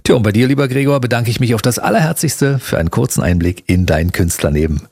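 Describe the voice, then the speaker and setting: Fast chatty radio host guy, raspy gravelly voice, lively pitch. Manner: chatty, quick, laughs easily. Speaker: radio talk show host. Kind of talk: radio interview.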